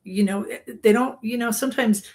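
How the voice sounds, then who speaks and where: A woman's voice: a little high, moderate pace, a little mellow. A woman in a casual spiritual discussion, speaking in an affirming, reflective way.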